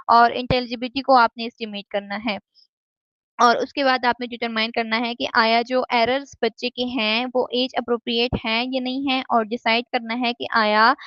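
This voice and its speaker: A woman's voice: a little high, no echo. A woman giving a recorded lecture. She explains step by step, mixes in English terms and keeps checking with "theek hai?". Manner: mixes English terms into Hindi-Urdu speech. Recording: dull, dry lo-fi recording.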